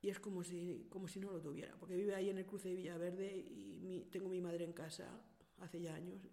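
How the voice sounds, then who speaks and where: A woman's voice: lowish voice, level tone, fairly quick, vocal fry, warm tone, in a large hall. A middle-aged woman with a Spanish accent from Spain, telling her personal story in a casual interview, earnest and direct, acting out past conversations.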